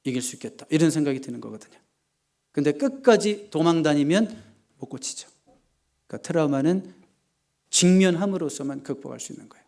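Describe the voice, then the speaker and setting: Man, pastor, animated sermon, higher-pitched voice, dramatic delivery. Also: fairly quick, gravelly, pauses often. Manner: lively, dramatic preaching with acted quotes and humor.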